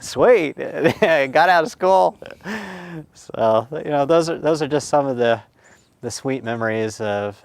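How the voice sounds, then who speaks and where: A middle-aged man recounting childhood memories in a recorded oral history, reflective and halting with many pauses and fillers. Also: mid-range voice, darkish tone, clear, resonant tone, no echo. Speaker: family history storyteller.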